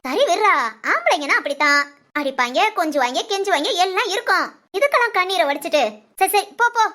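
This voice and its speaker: A woman's voice: extremely high pitch, expressive, fast, sharp tone, heavily acted. A woman voicing a bossy, scheming older mother-in-law in a cartoon, nagging and scolding, with Tamil village speech. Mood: grumbling. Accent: Tamil Nadu village speech.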